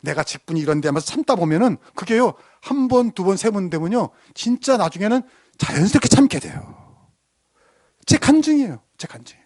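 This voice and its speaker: A middle-aged man preaching a sermon as pastor, telling a personal story with lively rhetorical questions to the congregation. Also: high-pitched, fairly quick, no room sound, clean studio sound. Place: church sanctuary.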